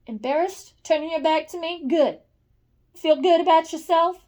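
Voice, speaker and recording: A woman in a rambling spoken monologue, blunt and profane, swinging between low murmurs and loud scolding. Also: normal speed. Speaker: vlogger.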